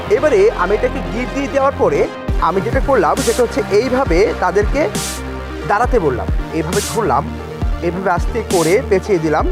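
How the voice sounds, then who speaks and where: High-pitched man, children's magician. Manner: addresses children with short questions and prompts. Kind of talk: interactive children's stage patter with storytelling. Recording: music playing behind the voice.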